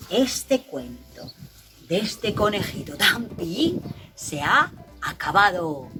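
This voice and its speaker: Teacher lady reading a kids story, sweet lively voice, slow, little music in the back. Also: medium pitch. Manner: gentle, animated, talks to small children. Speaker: preschool teacher.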